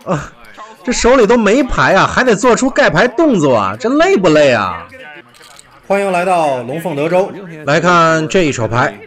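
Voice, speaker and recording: A man giving recorded poker highlight commentary as a voice-over, animated, with rhetorical questions and exclamations.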